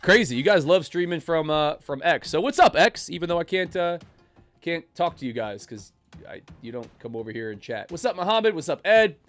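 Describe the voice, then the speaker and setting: A man's voice: a little high, animated, brisk, a bit bright, soft background music. A man hosting a live day-trading stream, sick with a cold and sounding nasal, chatting casually and greeting viewers by name. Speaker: day trading livestream host.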